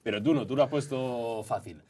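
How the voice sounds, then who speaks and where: A man hosts an interview, teasing his guest and nudging him along with quick remarks. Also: medium pitch, warm tone, breathy edge. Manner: brief encouraging backchannels, teasing. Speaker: interviewer host. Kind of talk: conversational interview.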